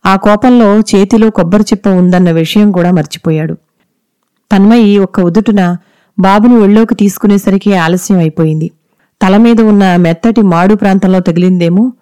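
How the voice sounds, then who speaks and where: A woman narrating a scripted story in a steady, measured way. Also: on the low side, clear, resonant tone, no room sound.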